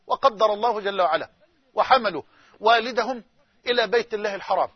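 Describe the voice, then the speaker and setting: An Egyptian-accented male preacher with a strikingly high voice delivers an impassioned, story-driven sermon. The recording is dull and dry, with no room echo at all. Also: fast. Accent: Egyptian Arabic.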